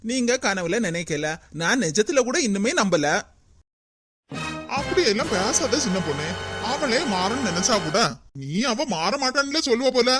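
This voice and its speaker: A performer voicing a sharp-tongued, sceptical young housewife in an animated comedy, with a Kanyakumari Tamil accent. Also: medium pitch, normal speed, music in the background, lightly acted. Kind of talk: animated cartoon voice acting.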